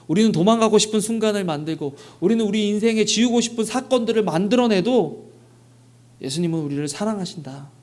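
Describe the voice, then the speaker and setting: A man's voice: high-pitched, darkish tone. A man preaching a Sunday sermon as pastor, asking the congregation questions and acting out short bits of dialogue. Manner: rhetorical questions, acts out dialogue. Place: church sanctuary.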